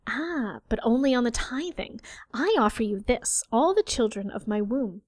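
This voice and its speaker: Defiant young heroine keeping her voice cool and even, dry close read, woman reading. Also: on the high side, normal speed, dry recording. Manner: cool, controlled. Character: defiant young woman bargaining with a fairy queen.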